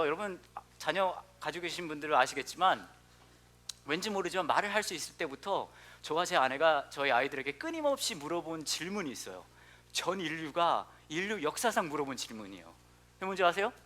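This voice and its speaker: A man in his thirties delivers a sermon in a church, his voice bright and a little higher than most men's. He speaks quickly and swings widely in pitch as he tells stories. For his serious points he sinks into a soft, hushed tone. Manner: animated storytelling, drops to soft near-whisper for earnest points. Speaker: pastor. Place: church sanctuary.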